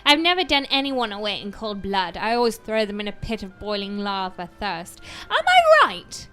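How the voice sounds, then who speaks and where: A woman's voice: medium pitch, wildly swooping pitch, moderate pace, pushed and bright, soft background music. A woman playing a vain elderly actress who talks grandly and makes mock threats. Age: older. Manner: grand, theatrical, mock-menacing. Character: vain elderly female actress, theatrical and boastful.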